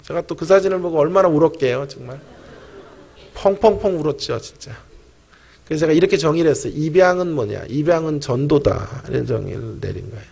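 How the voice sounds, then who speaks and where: Gravelly man preaching a sermon. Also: fairly high pitch, fast talker. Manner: animated storytelling, talks directly to the congregation. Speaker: pastor and professor preaching at a teachers' revival. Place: church sanctuary.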